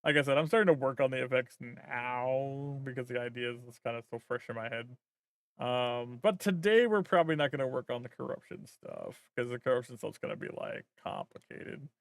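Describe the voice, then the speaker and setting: A male vtuber streamer chatting casually with his viewers, rambling and thinking aloud with plenty of fillers. His voice has a gravelly edge, recorded dry and close with no room sound. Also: medium pitch, expressive, a little fast, no room sound. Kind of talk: casual stream chat while working.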